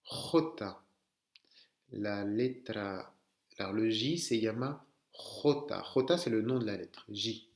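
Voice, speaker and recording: A French man teaching Spanish pronunciation letter by letter, slowly repeating words for his students to say back. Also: lowish voice, reverberant. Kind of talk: online language lesson.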